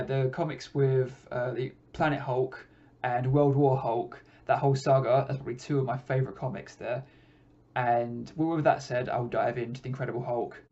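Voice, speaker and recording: A man hosting a podcast, giving a casual, relaxed film review with frequent hesitations. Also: medium pitch. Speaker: podcast host reviewing films. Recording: dull lo-fi recording.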